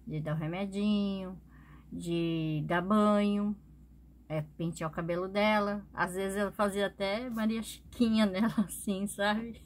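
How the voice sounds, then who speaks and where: A woman talks straight to her viewers in a relaxed, chatty way, tacking little tag questions onto her sentences. Her voice sits in an ordinary middle pitch. Faint ambient noise hums behind her. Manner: chatty, often adds tag questions and laughs softly. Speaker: vlogger. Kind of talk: casual personal storytelling.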